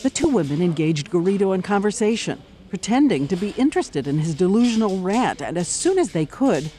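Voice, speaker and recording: A man's voice: sits high, sing-song, fairly quick, warm tone, a little hiss or hum. A man giving scripted documentary narration with a dramatic, emphatic delivery. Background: music.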